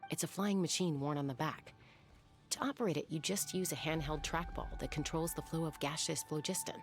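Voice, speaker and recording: A serious, observant young female investigator in a video game. The voice is cool and fairly low, with faint music underneath. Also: a little fast. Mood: earnest. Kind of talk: scripted game character acting.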